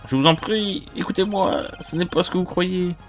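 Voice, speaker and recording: A man's voice: sits high, moderate pace, faint music behind, pitched above the performer's own voice. Guy putting on a nervous nerdy student witness, pleading, goes on about science. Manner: protests in a pleading voice.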